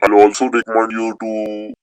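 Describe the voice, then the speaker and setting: A man's voice: fairly low pitch, completely flat delivery, moderate pace, dry recording, rough recording. A man teaching a beginners' Sanskrit class, explaining rules step by step and repeating key points. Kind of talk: online class lecture.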